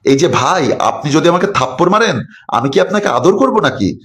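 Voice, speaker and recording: A man's voice: on the high side, wildly swooping pitch, fairly quick, echoey room, voice pushed up. A man voicing a brash young man who talks back and threatens. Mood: defiant. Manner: cocky, threatening. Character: young brash male lover.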